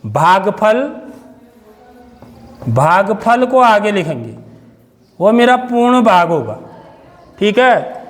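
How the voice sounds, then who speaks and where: Male teacher, high voice, quizzes the class; long classroom reverb. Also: big pitch swings, takes it slowly, long pauses. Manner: questioning, repeats "theek hai" often; stern with inattentive children. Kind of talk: classroom maths lesson.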